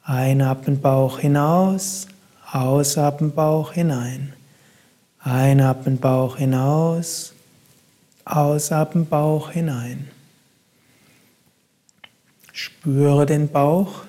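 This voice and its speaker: A man with a slightly high voice guides a meditation, calm and soft-spoken, leaving long pauses between his instructions.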